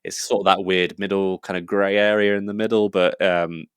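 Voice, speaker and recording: A man's voice: low voice, flat delivery, moderate pace, fairly bright tone, clear, resonant tone, no echo. An English man talking as a podcast guest in a casual, rambling and enthusiastic way, full of fillers and restarts. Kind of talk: casual conversational interview.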